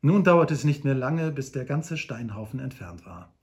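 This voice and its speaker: A man's voice: mid-range voice, sing-song, normal speed. Man narrating an adventure audiobook. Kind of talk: scripted narration of an adventure novel.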